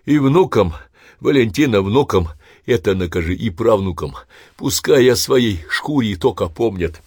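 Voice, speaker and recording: A man voicing a coarse, grumpy old man in his eighties who is dying, talking gruffly in short, breathless phrases. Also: fairly low pitch, expressive, measured pace, darkish tone, no room sound, clean studio sound, voice pushed up, full character voice. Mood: grumbling.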